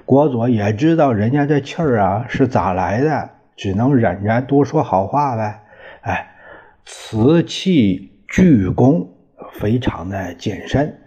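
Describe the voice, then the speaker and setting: A man's voice: medium pitch, animated, takes it slowly, warm tone, slightly rough. A man retelling a classic novel in a casual storytelling style, chatty and hesitant with many fillers and asides, on a dull lo-fi recording.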